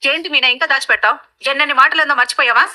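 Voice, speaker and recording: An actress playing a blunt, fiery elder sister who makes threats in a TV serial. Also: female voice, high voice, steady tone, rapid-fire, pushed and bright. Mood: indignant. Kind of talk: TV serial acting.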